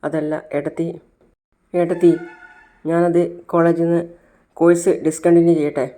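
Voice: medium pitch, flat delivery, moderate pace, dark tone, lightly acted. A storyteller voicing an anxious young woman student who hesitantly raises her worries, in a retold serial.

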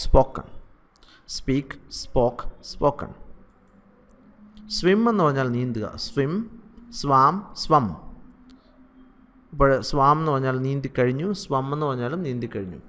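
Male English teacher with a Malayali accent, patient and repetitive, mid-pitched voice. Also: a bit bright. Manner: drills verb forms slowly and repetitively. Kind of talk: spoken English lesson in Malayalam.

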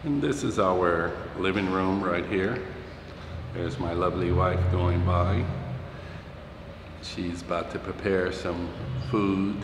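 A man with a deep, slow voice gives a casual, rambling walking tour of his two-story house, full of fillers and partly out on a balcony. He films on a handheld phone camera while walking, and the background is noisy.

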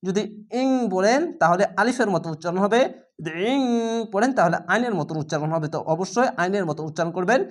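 A man with a Bangladeshi Bengali accent teaching Quran reading, spelling each syllable slowly and patiently, then reciting words drawn out. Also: sits high, expressive.

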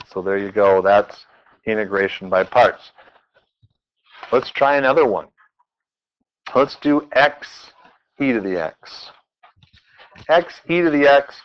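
A man's voice: mid-range voice, smooth. Playful male math teacher, lo-fi. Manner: playful, quizzing the class as he works problems. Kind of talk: classroom lecture. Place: classroom.

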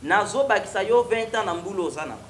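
A man's voice: high voice, expressive, fast talker, echoey room, soft background music. A young man with a Congolese accent, a prophet telling his testimony in a TV studio interview, switching between French and Lingala. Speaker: prophet guest. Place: TV studio with stone wall backdrop.

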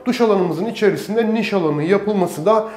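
A man's voice: sits high, normal speed, a little mellow. A man presenting a property tour as an agent, walking through empty tiled rooms. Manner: walks and gestures while presenting. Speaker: real estate agent presenting a villa tour. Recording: echoey empty house interior.

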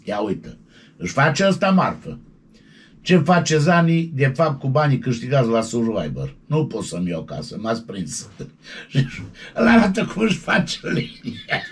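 A man giving animated showbiz gossip commentary, colloquial and excitable, with yelping interjections. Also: mid-range voice, slightly rough.

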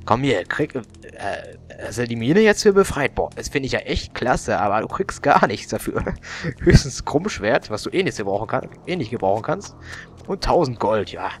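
A man's voice: mid-range voice, sing-song, normal speed, slight background noise. A young man doing casual gaming commentary, grumbling and swearing as he plays. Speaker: let's player.

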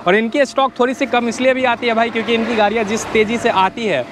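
A young man hosting a casual vlog at an outdoor used-truck lot, chatting briskly and repeating prices back to viewers. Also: very high-pitched, little pitch movement, noisy background. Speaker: vlogger touring a used vehicle lot. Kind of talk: casual walk-around sales vlog.

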